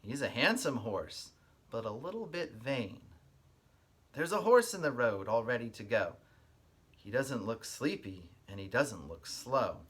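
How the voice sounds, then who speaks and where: In an unhurried manner, a man with a medium-pitched, slightly rough voice reads aloud to young children. He teaches kindergarten, and his delivery is expressive, with easy explanations mixed in.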